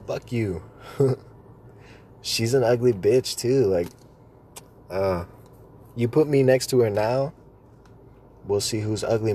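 A man's voice: on the low side, mellow, a little hiss or hum. A man rambling through stories in a casual, joking, sweary way, talking with chewing tobacco in his mouth.

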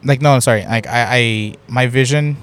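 A man's voice: mid-range voice, normal speed, smooth. A young man hosting a podcast, casually telling a long story, swearing a lot and filling his talk with "like". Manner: rambling, swears often, many "like" fillers. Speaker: podcast host.

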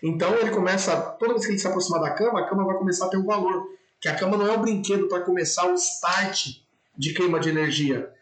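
High-voiced Brazilian man, echoey room. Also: fast. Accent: Brazilian Portuguese. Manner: emphatic, addresses the viewer directly with repeated checks. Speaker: dog trainer. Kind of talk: instructional talk to camera.

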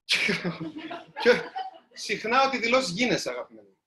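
Bright, high-voiced man telling a story. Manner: animated, addresses the audience directly. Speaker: writer giving a talk. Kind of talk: storytelling talk to a live audience. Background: live audience.

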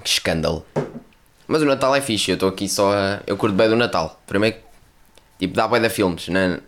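A man's voice: on the low side, a little fast, fairly bright tone. A young man with a European Portuguese accent, hosting a solo podcast in a casual, rambling way, full of slang and swearing. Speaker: podcast host.

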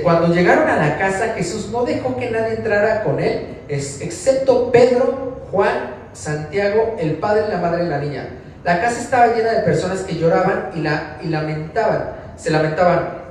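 Mexican guy preaching, high voice, super echoey hall, mic kinda far off. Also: lively intonation, normal speed, darkish tone, slight background noise. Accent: Mexican Spanish. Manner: conversational, asks the congregation questions. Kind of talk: informal sermon. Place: church hall.

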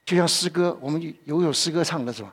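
Husky-voiced man preaching a sermon. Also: on the high side, fast talker. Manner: conversational, repeats himself and asks the listeners questions.

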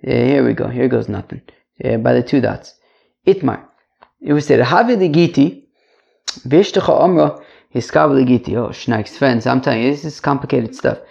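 A man's voice: medium pitch, steady tone, normal speed, gravelly, a little mellow, muffled recording. A man teaching an informal religious lesson to a class, chatty, repeating phrases and checking in with rhetorical questions. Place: indoors.

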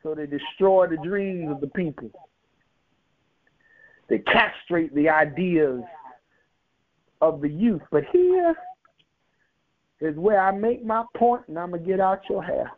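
A man preaches in a rhythmic, emphatic sermon cadence, his very high, lively voice swinging widely as he drives home repeated phrases. He takes it slowly with long pauses, and the sound is tinny and narrow, like a broadcast over a phone line.

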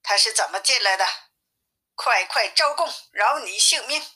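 A woman's voice: on the high side, expressive, moderate pace, sharp tone. A woman voicing a threatening male demon king who barks orders in a storybook reading. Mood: commanding.

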